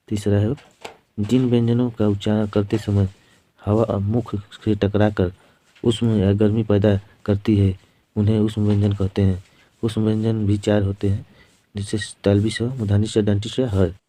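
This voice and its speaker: A man with a very dark, mellow voice teaches a grammar lesson. He recites letters and definitions one by one in a slow, methodical way. His pitch sits low and barely moves.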